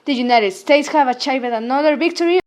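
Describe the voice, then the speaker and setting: A woman narrates a scripted news report. Her voice is pitched a little above the usual for women. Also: fairly quick, darkish tone.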